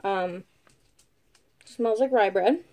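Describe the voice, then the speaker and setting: Mellow-voiced woman chatting through a review. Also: medium pitch, drawn-out words. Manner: chatty, rambling, many fillers; talks while eating. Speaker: vlogger reviewing food. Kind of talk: casual product review vlog.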